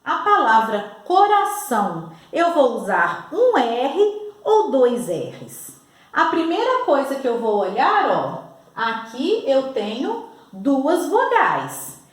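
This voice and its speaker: A Brazilian woman teaching young children to spell, slow and over-enunciating as she talks straight to the child. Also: high voice, wildly swooping pitch. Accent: Brazilian Portuguese. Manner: patient, over-enunciating, addresses the child directly. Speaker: primary school teacher. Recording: echoey room.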